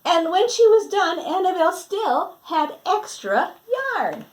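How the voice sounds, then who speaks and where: Reading a picture book to kids, this teacher and storyteller is very animated, with a very high-pitched voice at a measured pace. She performs dramatically and poses questions to the children listening. Slight background noise runs through the rough recording.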